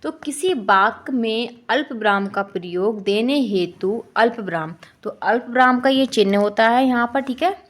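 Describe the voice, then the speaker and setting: Woman teacher, fairly high voice, Indian accent, exam-prep lesson, quizzes listeners by repeating answers. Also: moderate pace, hardly any pauses. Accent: Hindi-belt Indian. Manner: repeats each answer as a quiz question.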